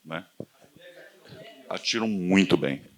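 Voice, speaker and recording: A man's voice: deep voice, slow, a bit bright. A man with a Brazilian Portuguese accent telling stories in a casual talk at a live event, acting out the voices of people he quotes. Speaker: event speaker.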